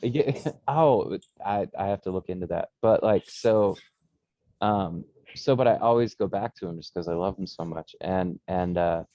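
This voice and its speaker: Low dark-voiced man telling stories. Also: measured pace, dry recording, muffled recording. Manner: animated storyteller, swears, many fillers. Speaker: podcast co-host. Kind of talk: casual chat.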